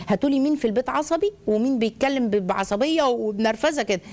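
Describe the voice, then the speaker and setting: A middle-aged woman with an Egyptian accent, giving family advice on a live call-in show in an animated way. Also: fairly high pitch, racing. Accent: Egyptian Arabic. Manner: animated, acts out shouting voices in stories. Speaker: family counselor answering viewers.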